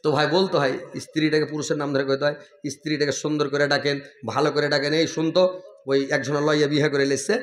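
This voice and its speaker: A middle-aged man preaching a lively sermon at a religious gathering, joking and acting out little dialogues in homely speech. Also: fairly high pitch, quick pace, roomy sound. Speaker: Islamic preacher.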